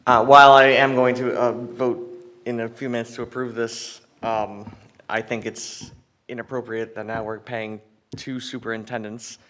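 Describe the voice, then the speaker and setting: A man speaking as a school board member at a public meeting, halting and disappointed, with many fillers and restarts. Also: mid-range voice, little pitch movement, a bit bright. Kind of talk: meeting remarks.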